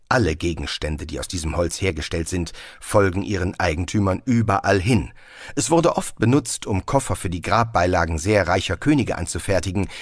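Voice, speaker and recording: A man narrating an audiobook in a dry, measured storytelling manner. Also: sits low, dry recording. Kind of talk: scripted narration.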